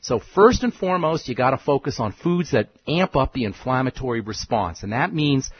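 Male radio health host, emphatic and lecturing, lively pitch, husky edge, dry muffled sound. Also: moderate pace, no echo. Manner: emphatic, lecturing, repeats key phrases. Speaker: radio show host, pharmacist. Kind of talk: call-in health radio talk.

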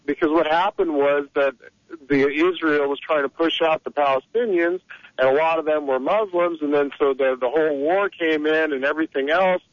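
Here a man from Egypt rings a radio talk show and argues in a heated, meandering, opinionated manner. His voice sits a little high and moves at normal speed, dry and dull over a lo-fi phone line.

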